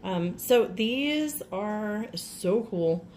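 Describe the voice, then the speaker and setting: A woman with a cold, her voice a little rough, gushing chattily through an unboxing at home and clearing her throat often. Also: medium pitch, expressive, very slow, a little mellow, slight background noise. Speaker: nail vlogger. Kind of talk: casual unboxing chat.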